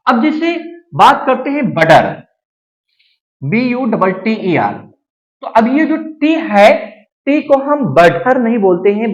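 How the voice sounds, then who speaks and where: A male teacher walks through English sounds in a classroom lesson. He says each example word over and over, slow and deliberate. He keeps asking a question and answering it himself. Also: very high-pitched, low-quality recording. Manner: repeats words slowly, asks and answers his own questions.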